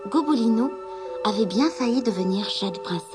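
A woman reading a children's storybook aloud with expressive narration, dropping to a whisper in hushed moments. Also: mid-range voice, normal speed, over loud music.

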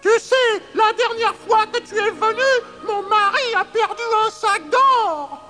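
A man voicing a giant's wife in a storybook reading, in a very high, shrill falsetto. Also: a little slow, pushed and bright, faint music behind, full character voice. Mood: wary. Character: giant's wife, a woman, anxious and fussing.

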